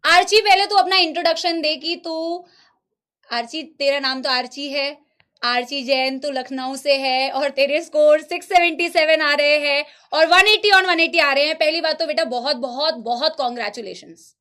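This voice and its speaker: High-voiced chatty woman teacher. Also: moderate pace, bright, forceful tone. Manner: chatty, addresses students fondly. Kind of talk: live online class talk. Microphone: laptop.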